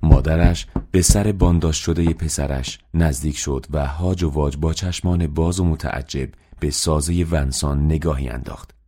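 Very deep, dark-voiced male narrator. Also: steady tone, hardly any pauses. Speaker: audiobook narrator. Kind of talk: scripted narration.

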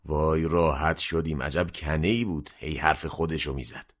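Grumpy bald shopkeeper guy, curt, deep voice, man acting it. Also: steady tone. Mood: annoyed. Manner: curt, irritable. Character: bald grumpy middle-aged male shopkeeper.

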